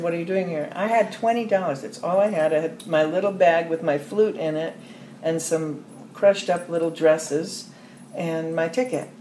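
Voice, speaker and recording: Older lady spinning long stories in an interview, lowish voice, roomy echo, bit of hiss. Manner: rambling anecdotes with soft trailing asides and laughs. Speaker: interview guest. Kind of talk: storytelling in a podcast interview. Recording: roomy echo with faint ambient noise.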